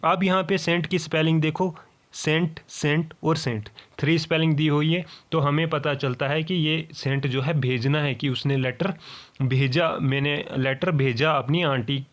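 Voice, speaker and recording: A male teacher with a slightly high voice leads an exam-prep grammar lesson. He reads each example sentence slowly, word by word, and keeps checking in with his students by saying "okay.". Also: fairly even intonation.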